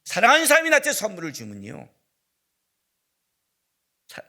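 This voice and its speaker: High, lively Korean pastor preaching. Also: male voice, normal speed. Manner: animated, acts out dialogue, rises to shouting. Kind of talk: sermon.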